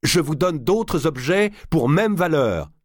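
A man's voice: sits low, very animated, a little fast, darkish tone, husky, no room sound, clean studio sound, exaggerated voice. A man voicing a frightened, cornered archbishop who pleads in a raised, strained voice. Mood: desperate. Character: frantic cornered male archbishop.

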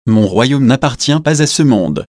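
A man reading the words of Jesus, a calm grown man facing death, in a slow, solemn scripture reading. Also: medium pitch, no echo, clean studio sound, close to an everyday voice.

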